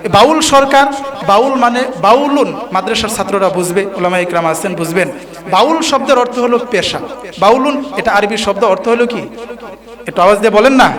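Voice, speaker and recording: A man preaching a fiery sermon to a large gathering, calling on the crowd to answer him. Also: sits high. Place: large outdoor religious gathering. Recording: long reverb of a loudspeaker hall.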